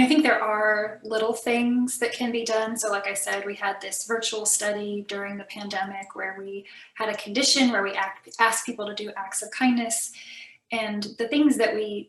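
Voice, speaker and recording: Forties woman scientist, casual panel talk, monotone, echo around her. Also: medium pitch, moderate pace. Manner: casual, uses "like" and "I mean". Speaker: researcher, panelist. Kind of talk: panel discussion.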